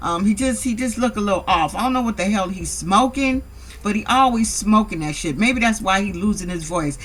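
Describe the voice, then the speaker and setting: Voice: medium pitch, lively intonation, brisk, a bit bright. A vlogger giving a blunt, heavily profane, sassy recap of a reality TV episode, full of exasperated rhetorical asides. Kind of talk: casual reality TV recap commentary.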